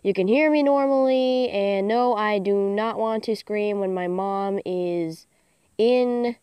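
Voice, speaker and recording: This teen girl runs a gaming channel and narrates a let's-play in a giggly, hyper, rambling way full of "like." Her mid-range voice is slow, clear and resonant with a dark tone. It was recorded on a phone's screen-recording mic, with no echo.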